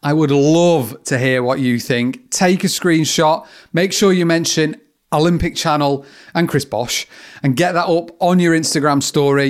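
A man hosting a podcast, running a playful quiz and wrapping up the episode in an upbeat way. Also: fairly high pitch. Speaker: podcast host. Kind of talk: interview and scripted outro.

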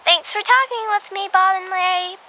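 Brief: curious little girl caller, very high bright voice, faint background hiss, acted by a woman. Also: moderate pace. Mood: earnest. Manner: earnest, curious. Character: earnest nine-year-old girl caller.

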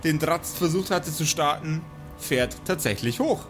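With music playing behind him, a man with a fairly high voice runs an improvised tabletop session as game master. He keeps a measured pace and a playful, colloquial tone.

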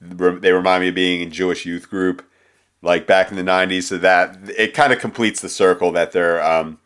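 A man from the United States co-hosts a music podcast in a rambling, self-deprecating way. His voice sits very low. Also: fairly even intonation, normal speed, a bit bright, clean tone. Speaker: podcast co-host. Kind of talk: casual chat.

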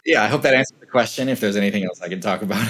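A young man with a fairly low voice talks through his ideas in a loose, thoughtful way, leaning on "like" as he goes. He is a guest in a relaxed interview, heard over a video call. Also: rapid-fire. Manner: thoughtful, rambling, lots of "like" fillers. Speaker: interview guest, channel creator. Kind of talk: casual conversational interview.

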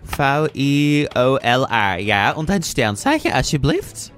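A man's voice: mid-range voice, sing-song, slow, a bit bright, faint music behind. A man voicing a campy, cheeky Dutch drag queen astrologer with a Dutch accent, in a comic radio fortune-telling segment. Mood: bossy, playful. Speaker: horoscope comedy character on radio show.

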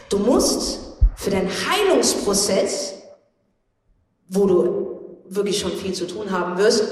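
Slow, echoey woman preaching from a stage. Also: mid-range voice. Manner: insistent, preaching. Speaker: stage speaker. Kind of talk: motivational stage speech. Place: stage in a large hall. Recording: echoey hall from far off.

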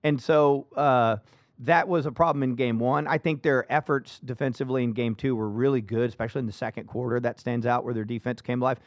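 Animated man in sports chat. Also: mid-range voice, brisk, no echo, muffled recording. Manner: animated, restarts often, emphatic. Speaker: sports talk host.

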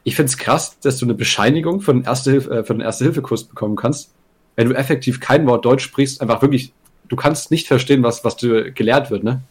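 Fast-talking young man telling a rambling story. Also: mid-range voice, breathy edge. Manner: rambling, crude slang, laughs mid-sentence, many "ne?" tags. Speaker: podcast co-host. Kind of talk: casual storytelling chat.

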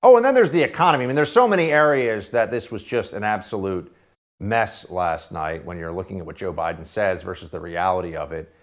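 A man hosting a political talk radio show, delivering sarcastic commentary that swings between loud jabs and quiet asides. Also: deep voice, brisk. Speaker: radio host.

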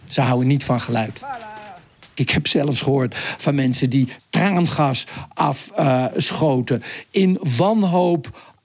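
A man's voice: mid-range voice, slow. A male correspondent telling a radio interview about events around him, in a vivid, chatty way with frequent hesitations. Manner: vivid, conversational storytelling with hesitations. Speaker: foreign correspondent. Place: Nairobi, Kenya.

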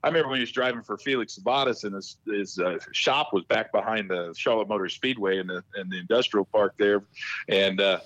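Brief: guest racetrack manager, rambling and hesitant, dull lo-fi line, dry sound. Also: male voice, lowish voice, brisk, fairly bright tone, dry recording. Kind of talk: casual interview chat.

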